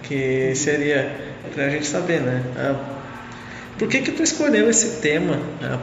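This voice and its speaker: A man's voice: a little high, big pitch swings, unhurried, a little hiss or hum. Young male podcast host, echoey sound. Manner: hesitant questions with fillers. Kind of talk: casual podcast hosting. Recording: echoey long-reverb lo-fi room with faint music.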